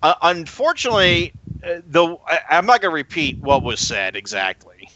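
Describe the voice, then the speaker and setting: A man co-hosting a casual podcast chat, talking in halting bursts full of stammers and restarts. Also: a little high, sing-song, pushed and bright, dull audio, slight background noise. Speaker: podcast co-host.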